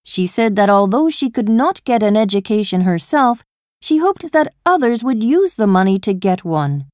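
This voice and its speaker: A woman reading a short news passage in a careful, measured way for a listening exam. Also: medium pitch, big pitch swings, a little mellow, no echo, studio quality.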